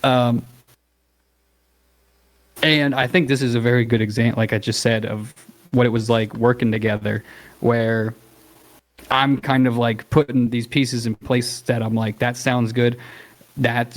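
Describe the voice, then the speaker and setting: A man's voice: medium pitch, steady tone, a little slow, long pauses. A man who is a guest musician, chatting casually and laid-back, laughing often and hedging his words. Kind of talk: casual interview chat.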